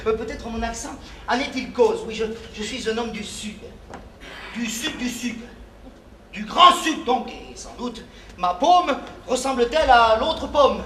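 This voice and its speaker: A pompous, flamboyant showman doctor, played by a man on stage, swooping all over his range with a bright, bright-edged voice. He preens and stammers through grand theatrical flourishes. The sound is an echoey live stage recording. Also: very high voice, lively intonation, measured pace, slight background noise, exaggerated voice. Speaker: stage actor.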